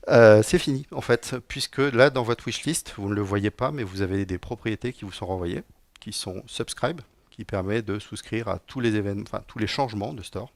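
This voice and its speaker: A middle-aged technical director live-codes at a conference, chatting casually to the room with lots of fillers and dry jokes. His voice sits on the low side and moves a little fast, with no echo.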